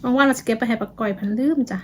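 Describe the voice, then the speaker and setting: A fairly high-pitched woman with an Isan Thai accent races through a chatty eating vlog, humming as she samples her food. Background noise is audible.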